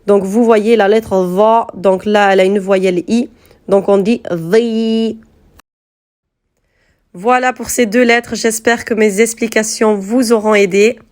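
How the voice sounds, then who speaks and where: A woman's voice: mid-range voice, fairly even intonation, moderate pace, a little mellow. A woman teaching letter pronunciation in a patient, step-by-step lesson, repeating sounds so learners can compare them. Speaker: Quran reading teacher.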